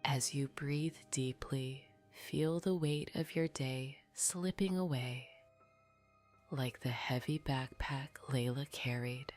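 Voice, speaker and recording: Slow, low-voiced woman narrating sleep stories. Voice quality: soft, breathy, half-whispered. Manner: soothing, unhurried, gently guiding listeners to rest. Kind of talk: scripted bedtime sleep story narration. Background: background music.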